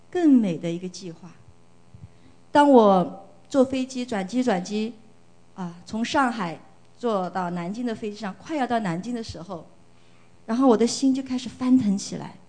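A woman's voice: on the high side, mellow. A middle-aged woman from China giving an earnest, emotional church testimony, often repeating phrases for emphasis.

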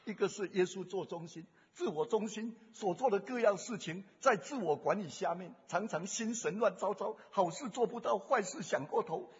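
Man pastor, high voice, storytelling sermon, dull echoey hall sound. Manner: storytelling, acts out dialogue, swings between loud and soft. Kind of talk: sermon with retold personal story.

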